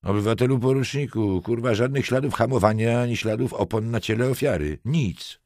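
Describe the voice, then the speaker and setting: A man's voice: medium pitch, fairly quick, darkish tone, no echo, clean studio sound, pitched above the performer's own voice, natural voice. A man reading the part of a blunt traffic policeman giving a coarse report.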